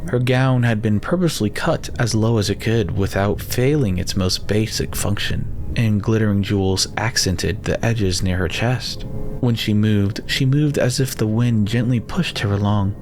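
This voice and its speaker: Guy reading a fantasy novel dramatically, lowish voice, bit of noise and rumble. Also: normal speed, darkish tone. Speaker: narrator.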